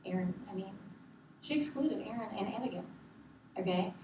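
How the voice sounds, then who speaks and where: A woman in a counseling session, telling a story in an animated, exasperated way and acting out other people's lines. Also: mid-range voice, normal speed. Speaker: counseling client. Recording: echoey room, mic at a distance, clear background hiss.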